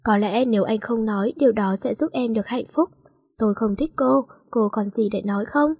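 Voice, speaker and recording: A woman's voice: fairly high pitch, fairly quick, darkish tone, slightly rough. A woman voicing a reserved young man in a storybook reading, curt and cold.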